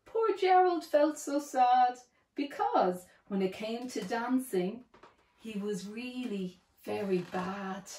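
A woman slowly reading a rhyming children's picture book aloud in an expressive, sing-song way. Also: a little high. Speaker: storybook reader. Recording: echoey room.

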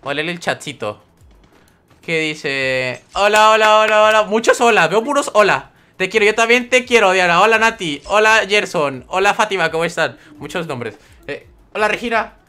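Chatty high-voiced young streamer man. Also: lively intonation, normal speed, bright, forceful tone, soft background music. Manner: chatty, greets viewers by name, reads chat aloud. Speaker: gaming streamer. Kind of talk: live game stream commentary.

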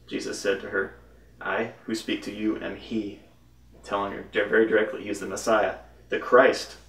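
A man's voice: lowish voice, a bit bright, distant mic. A man teaching devotionally from the Bible, reading verses aloud and commenting with emphatic bursts. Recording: roomy echo, voice from off-mic.

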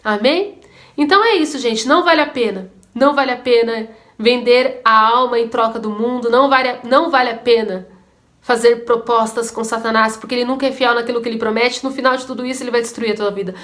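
A woman's voice: fairly high pitch, quick pace, fairly bright tone. A woman telling a story and preaching earnestly in a devotional video. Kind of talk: devotional sermon-style storytelling.

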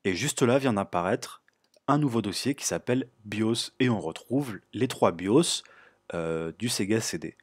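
A man hosting a computer tutorial, explaining step by step in a relaxed way with frequent filler sounds. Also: lowish voice, unhurried, husky, dry recording, studio quality. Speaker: tutorial host. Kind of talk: screen-recorded tech tutorial.

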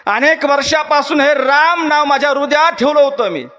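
A man's voice: very high-pitched, moderate pace, pushed and bright, faint music behind, voice pushed up. A male preacher playing a devout king who is crying and wailing to God in anguish, in a raised voice. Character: grieving devout king, weeping in despair.

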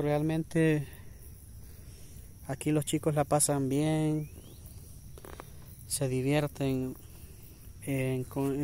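Slow-talking man vlogging outdoors. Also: a little high, mellow. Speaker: vlog host. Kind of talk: casual outdoor vlog narration. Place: open grassy hillside, outdoors. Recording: noisy handheld outdoor recording.

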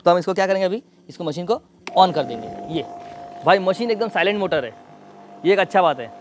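A man talks through a hands-on product demo at a rapid clip, explaining as he goes. His voice sits a little high for a man, and there is a faint noise behind him. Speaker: product reviewer. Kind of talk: casual product demo and review.

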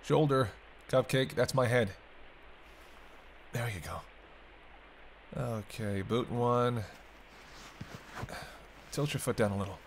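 In an intimate roleplay audio drama, a man voices a teasing, sardonic vampire, weary from centuries yet protective, who banters and speaks directly to the listener. His medium-pitched delivery is slow, gentle and guiding, full of pauses and wry murmured asides. There is slight background noise.

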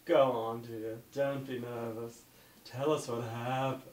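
A middle-aged man playing a sugary, self-proclaimed mystical drag diva, making a coy, theatrical hard sell infomercial pitch. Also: little pitch movement, takes it slowly, recorded from a distance, natural voice. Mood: gently soothing. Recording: echoey room, off the mic.

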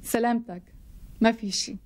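An actress playing a polite, apologetic young doctor who speaks with a Syrian Arabic accent in a TV sitcom. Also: female voice, fairly high pitch, steady tone, normal speed, darkish tone, natural voice. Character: polite young female doctor, sheepish gift-giver. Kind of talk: TV sitcom acting.

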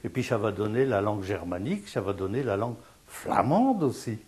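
A man's voice: fairly low pitch, big pitch swings, brisk, a little mellow. A man teaching local dialect on television, explaining words, repeating them and asking and answering his own questions. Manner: didactic, repeats words, asks and answers himself.

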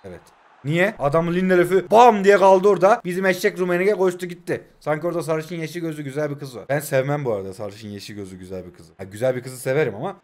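A man in his twenties from Turkey talks over his own football match, joking and teasing as he plays. His voice sits high for a man, and he swings between muttering to himself and excited outbursts to viewers. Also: quick pace. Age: 20s. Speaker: gaming YouTuber. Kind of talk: live gameplay commentary.

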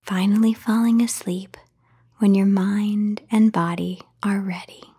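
A woman whispering a guided sleep meditation, slow and soothing with long pauses. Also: medium pitch, steady tone, mellow, husky.

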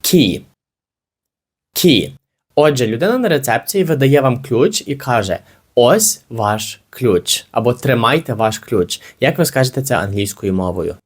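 A man teaching an English lesson, explaining with energy and saying the model phrases slowly and carefully. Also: mid-range voice, expressive.

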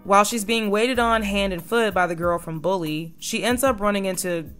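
A woman's voice: mid-range voice, moderate pace, a bit bright, faint music behind. A young woman in her twenties narrating a video essay with sardonic, opinionated commentary.

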